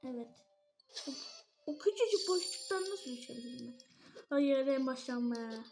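A high-pitched woman narrating her gameplay live, quick to squeal and cry out at every slip. She sounds nervous and excited and trips over her words now and then. Faint game music hums underneath. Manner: excitable, frequent exclamations and squeals. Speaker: gaming channel host.

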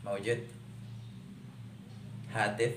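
A man's voice: on the low side, flat delivery, drawn-out words. A man in his thirties with an Indonesian accent, teaching a language through short, repeated conversational questions. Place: small indoor classroom. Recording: roomy echo, loud background noise.

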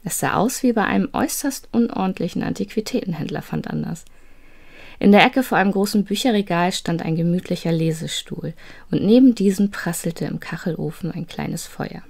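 A woman narrating a children's advent story in a calm, measured reading voice. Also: lowish voice, vocal fry.

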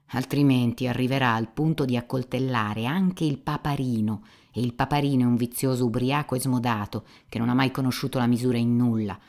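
A woman's voice: very deep voice, a little mellow. A woman voicing a cynical, gossipy young male seminarian who mocks and insinuates, in an audiobook reading. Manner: mocking, insinuating, talkative.

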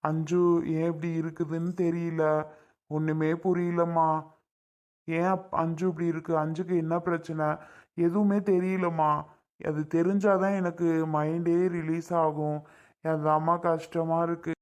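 A man playing a worried aging father, slow and fretful. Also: on the high side, little pitch movement, a little mellow, close to an everyday voice.

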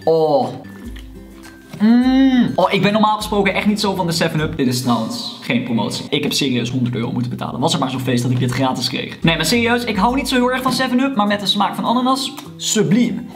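A YouTuber unboxing a mystery box, animated and exclaiming loudly, with English words thrown in. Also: mid-range voice, brisk. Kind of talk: excited unboxing vlog. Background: background music.

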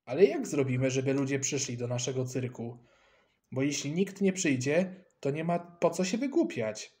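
A man's voice: medium pitch, expressive, normal speed, dark tone, lightly acted. Male reader doing a doubtful schoolboy, down-to-earth. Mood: sceptical.

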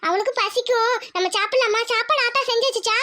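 A woman's voice: extremely high pitch, quick pace, very noisy. A woman voicing a chatty, cheerful little schoolgirl in a homemade cartoon. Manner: bubbly, chatty. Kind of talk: cartoon voice acting.

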